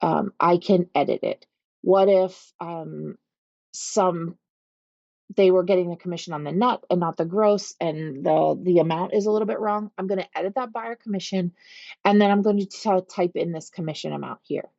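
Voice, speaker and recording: A Pittsburgh-accented woman leads a calm, step-by-step software walkthrough for agents, often pausing to ask "okay?" Her voice is mellow and dark. The recording is dry and a little dull, like a computer mic. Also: fairly low pitch, gravelly, no echo. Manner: patient, step-by-step, checks in with "okay?". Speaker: real estate trainer. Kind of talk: screen-share software walkthrough. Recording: slightly dull, lo-fi audio.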